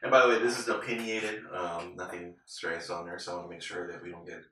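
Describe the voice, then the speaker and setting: A man's voice: sits low, flat delivery, fast, pushed and bright, a little hiss or hum. A man discussing a film casually as one of a panel of reviewers. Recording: echoey room, far from mic.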